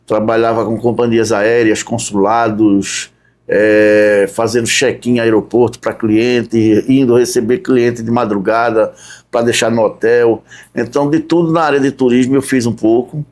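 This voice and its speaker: A man from Recife, a podcast guest talking through his tourism work in an unhurried way. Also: mid-range voice, a little mellow. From Recife, Brazil. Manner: unhurried, lists his work step by step with frequent "né?". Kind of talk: casual interview chat.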